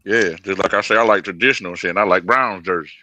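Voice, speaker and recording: Low, bright-voiced man, dry sound. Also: fast, dry recording, rough recording. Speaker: debate panelist. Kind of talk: casual chat.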